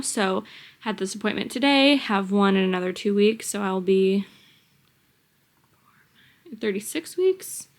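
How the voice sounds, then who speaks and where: A pregnant woman in her twenties talking casually to camera in a rambling vlog, often out of breath. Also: medium pitch. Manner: rambling, chatty, filler-heavy. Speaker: vlogger.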